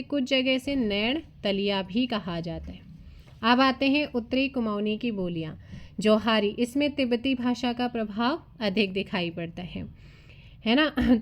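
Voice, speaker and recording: A woman, reading exam study notes aloud as a coaching teacher and breaking off now and then with asides to her students. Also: a little high. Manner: reads long lists of names with asides to students.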